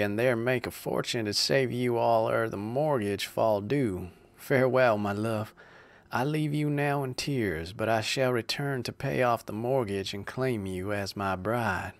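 A man's voice: fairly low pitch, no echo. A man doing a bombastic young hero. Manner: declaiming, theatrical. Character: young male rustic hero, earnest and bombastic.

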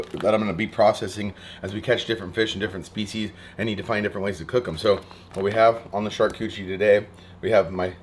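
A man's voice: lowish voice, slight background noise. A young man hosting a casual cooking vlog in a houseboat kitchen, talking in a chatty, rambling way with restarts, recorded on a close camera mic. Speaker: fishing vlogger.

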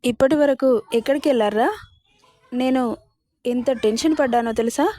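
A fussing, doting mother-in-law from a storybook, full of anxious questions, as a woman narrator puts her on. The voice sits fairly high with a mellow, soft tone. It is recorded close and dry. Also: normal speed, no room sound, natural voice. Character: worried loving middle-aged mother-in-law.

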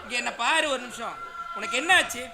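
A gentle, bewildered young teacher. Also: male voice, very high-pitched, expressive, a little fast, gravelly, exaggerated voice. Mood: concerned. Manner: coaxing, earnest, concerned. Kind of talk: film drama dialogue. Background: loud film music.

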